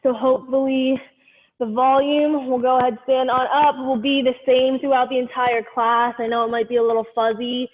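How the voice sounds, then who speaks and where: Through a headphone mic, a woman leads a live group workout, directing each movement step by step. Her voice is high and level at a moderate pace, and the headset audio sounds muffled and lo-fi with a long reverb.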